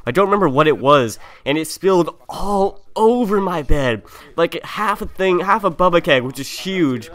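Speaking into a close mic at his gaming setup indoors, a young man streams gameplay while spinning a casual, slangy story and performing the characters' lines himself. His voice sits high and a bit bright, with lively intonation and a normal pace. The recording is dry.

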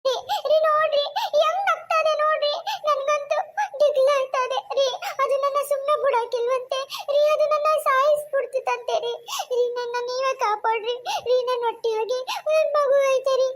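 A panicked young pregnant wife in a cartoon begs for help in a piercing, very high voice. She pleads frantically and without pause. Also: steady tone. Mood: frantic pleading.

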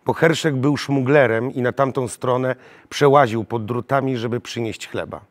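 A man's voice: medium pitch, moderate pace. Man reciting a poem dramatically. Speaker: theatre actor.

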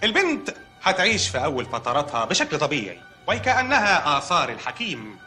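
An actor with an Egyptian Arabic accent playing an odd male hospital doctor who calmly delivers absurd news in a film comedy. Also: a little high, brisk, soft background music, heavily acted. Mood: matter-of-fact.

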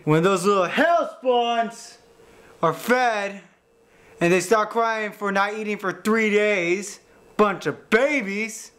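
A man's voice: sits high, fairly bright tone, smooth. A young man playing a drunk, callous deadbeat dad in a surly comedy sketch testimonial. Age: young adult. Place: indoor room at home.

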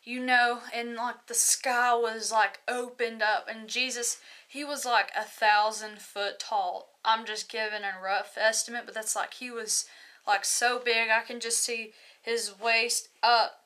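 A woman's voice: fairly high pitch, level tone, unhurried, pushed and bright. A young woman, telling a personal story in a loose, rambling way, with many fillers. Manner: loose, rambling, many likes and you knows. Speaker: video host. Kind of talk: casual testimony.

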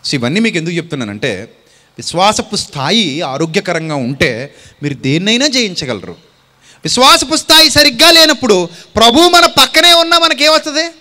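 A male pastor with a Telugu accent preaching a sermon, swinging between loud exhortation and low, quiet stretches, calling on the congregation to answer back. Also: in a large hall.

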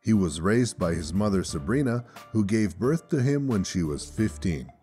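A man reading scripted documentary narration in a steady, even way. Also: on the low side, moderate pace, soft background music.

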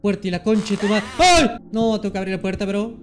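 Excitable young Argentine man, screaming lots. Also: sits high, quick pace. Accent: Argentine Spanish. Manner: excitable, swears and screams at jump scares. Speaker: gaming streamer. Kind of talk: horror game let's play commentary.

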